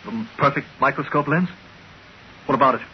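A man's voice: medium pitch, fairly quick, close to an everyday voice. An actor playing an impatient, earnest male scientist in a 1940s radio drama. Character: driven male scientist seeking a perfect lens. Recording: dull old radio broadcast with faint hiss.

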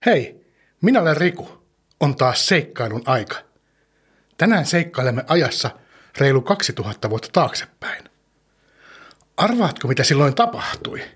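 A man hosting a children's podcast, gently telling a story and asking the young listener questions. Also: mid-range voice, sing-song, pauses often, husky.

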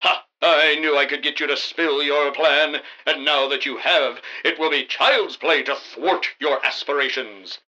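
An actor playing an earnest, bumbling, wisecracking hero in a comic radio drama, melodramatic and mock-heroic. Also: male voice, on the high side, fairly even intonation, a little slow, few pauses, pushed and bright, low-quality recording. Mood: triumphant. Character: earnest, bumbling, wisecracking male masked crime-fighting hero.

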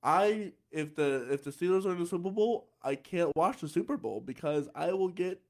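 A man's voice: high-pitched, moderate pace. A young man hosting a podcast in a casual chat, laughing often and tripping over repeated words. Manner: chatty, laughing, repeats words when excited. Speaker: podcast host.

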